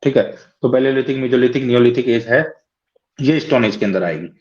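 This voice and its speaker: A man delivers a lecture at a brisk pace, breaking the lesson into steps. He keeps checking that his listeners are with him. The recording is dull and lo-fi, like a simple classroom video, and his voice sits at an ordinary pitch. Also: a little mellow. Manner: explains step by step, often checking with "है ना" and "ठीक है". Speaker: teacher.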